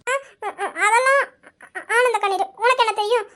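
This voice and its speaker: A woman's voice: very high-pitched, fairly even intonation, moderate pace, fairly bright tone, a little hiss or hum. A woman playing a tearful young daughter-in-law. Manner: tearful, pleading.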